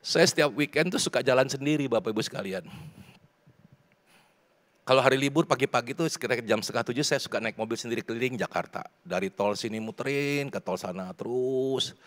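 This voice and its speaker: A man from South Sumatra preaching a sermon to his congregation, swinging between loud pleading and hushed prayer. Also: medium pitch, a little fast. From South Sumatra, Indonesia. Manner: repeats words, addresses congregation directly. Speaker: pastor. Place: church.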